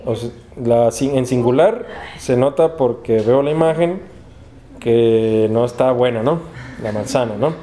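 A man with a Mexican accent teaching a class in a university lecture hall, drilling pronunciation slowly and patiently, word by word. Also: medium pitch, warm tone, a little hiss or hum. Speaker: Esperanto teacher.

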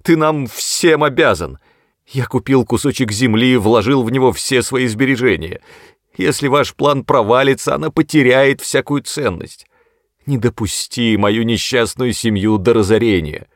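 A man's voice: mid-range voice, darkish tone, dry recording, studio quality, pitched above the performer's own voice. A man reading an audiobook, voicing a stammering middle-aged man who begs desperately and later turns spiteful. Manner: stammering, pleading, then hissing with spite. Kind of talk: audiobook character voice.

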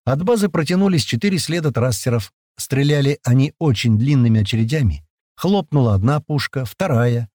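A man narrating a first-person action story, voicing the characters' shouted lines with rough force. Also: medium pitch, animated, brisk, no echo, studio quality. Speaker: audiobook narrator.

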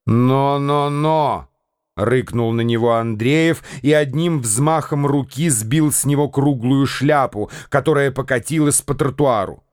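A man narrating a classic novel as a radio play, measured and dramatic. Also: mid-range voice, dry recording, studio quality.

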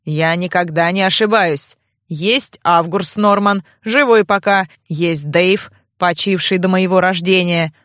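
A woman's voice: fairly low pitch, steady tone, measured pace, fairly bright tone, dry recording, clean studio sound, pitched below the performer's own voice. A woman voicing a grumpy, half-mad old male archivist who mutters curt, cross replies in an audiobook. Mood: muttering. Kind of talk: audiobook character voice.

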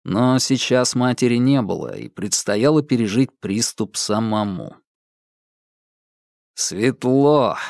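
A man narrates a thriller audiobook in a steady, tense manner. His pitch is middling, and the sound is dry and close, with no room around it. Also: no room sound. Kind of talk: scripted narration.

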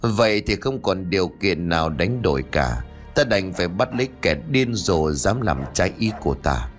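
Vengeful female ghost in a spoken storybook, read by a man: commanding, threatening, lively delivery. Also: deep voice, normal speed, soft background music. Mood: menacing. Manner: menacing, commanding. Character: vengeful female virgin ghost, possessing people.

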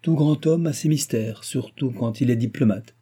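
A man's voice: medium pitch, normal speed, warm tone, breathy edge, lightly acted. A man voicing a proud, teasing young royal princess in a lilting, raised court voice, read as an audiobook figure.

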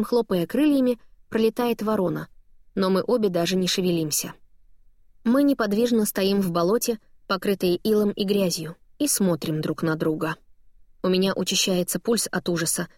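A woman reading a novel aloud as a first-person audiobook narrator, lively and expressive. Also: mid-range voice, no room sound, clean studio sound.

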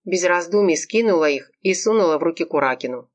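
A woman reading an audiobook, narrating a comic romance in a lively, expressive way. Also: on the low side, a little fast. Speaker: audiobook reader. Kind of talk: scripted narration.

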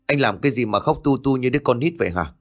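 A man voicing a sharp-tongued young pregnant wife who accuses and scolds. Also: expressive, fast talker, no room sound, studio quality, soft background music, lightly acted. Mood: indignant. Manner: shrill, accusing.

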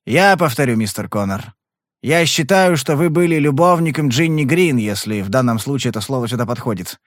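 A man voicing a calm, persistent male private detective in an audiobook, questioning in a blunt, probing way. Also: mid-range voice, a little fast, dry recording, studio quality, lightly acted.

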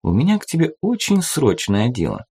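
Male narrator putting on a scheming young woman in an audiobook, purring and theatrical, raised pitch. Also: very animated, moderate pace, a little mellow, husky. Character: cunning young redheaded woman, sly schemer.

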